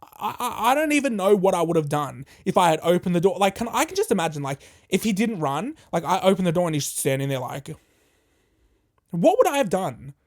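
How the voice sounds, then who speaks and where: A podcast host, telling a story casually in a profane, animated and jokey way. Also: mid-range voice, brisk.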